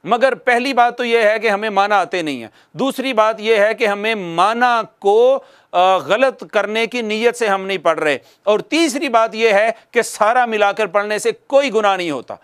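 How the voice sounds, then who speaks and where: A man's voice: sits high, normal speed, a bit bright, clean tone. A man from Pakistan, teaching Quran recitation in a video lesson to viewers and patiently repeating key phrases for emphasis.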